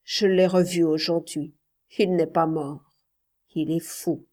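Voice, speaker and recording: A woman's voice: sits low, fairly even intonation, takes it slowly, warm tone. A woman reading aloud voices a defiant wife who answers her husband's questions in curt, cold replies in a storybook reading.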